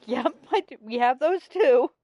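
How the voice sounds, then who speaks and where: A woman's voice: sits high, expressive, a little slow, warm tone, slight background noise. A middle-aged woman hosting a game stream, chatting casually and telling stories with playful emphasis. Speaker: gaming host.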